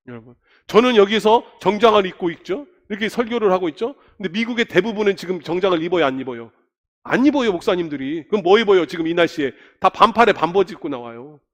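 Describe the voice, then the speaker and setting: A middle-aged man preaches from the pulpit in a high, animated voice whose pitch swings widely. He talks conversationally and keeps asking the congregation questions. The long reverb of a church sanctuary trails behind every phrase. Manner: asks the congregation frequent questions. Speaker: pastor. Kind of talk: sermon.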